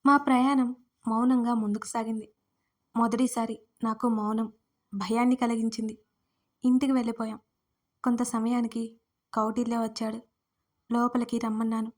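A woman's voice: fairly high pitch, little pitch movement, normal speed, long pauses, darkish tone. A woman narrating a romance audiobook in the first person, telling it in a heartfelt, tearful way. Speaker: storyteller and writer.

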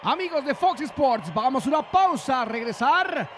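High-pitched Mexican wrestling commentator man. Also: sing-song, measured pace. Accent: Mexican Spanish. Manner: dramatic, emphatic calls. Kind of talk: excited lucha libre commentary. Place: large indoor wrestling arena. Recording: loud arena crowd noise behind.

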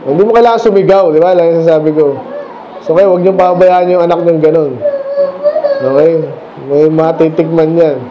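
A man preaching a sermon as pastor, asking the congregation questions and reading scripture slowly before explaining it casually. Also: fairly high pitch, fairly even intonation, highs cut off, noisy background. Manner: reads scripture slowly, then talks fast and casually.

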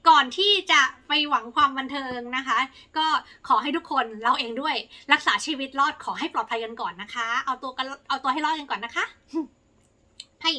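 A young woman from Thailand answering viewer questions in a casual, polite vlog, with lots of soft fillers. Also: sits high, moderate pace.

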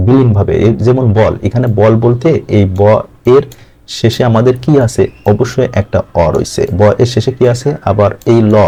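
A man with a Bangladeshi Bengali accent teaching an exam-prep grammar lesson, asking questions and answering them himself and repeating words slowly. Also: on the low side, dark tone.

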